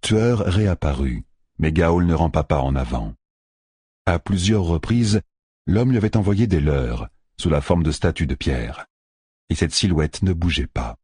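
Deep, husky male audiobook narrator. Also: a little slow, no echo, studio quality. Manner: expressive, dramatic reading. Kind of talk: scripted narration.

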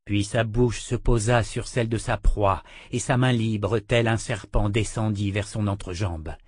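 A man narrating a dramatic fantasy novel as an audiobook, in a measured reading voice. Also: on the low side, steady tone, a little mellow, no room sound, studio quality.

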